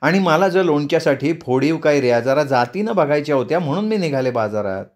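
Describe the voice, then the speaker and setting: A man's voice: fairly high pitch, lively intonation, brisk, natural voice. A man voicing a restless, fussy old grandmother in a read-aloud story, motherly and pleading.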